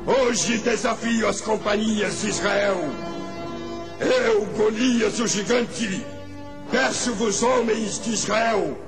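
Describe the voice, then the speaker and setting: An actor playing a boastful giant warrior in a children's Bible story, declaiming menacing challenges in a booming voice. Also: male voice, slow pace. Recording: music under the voice.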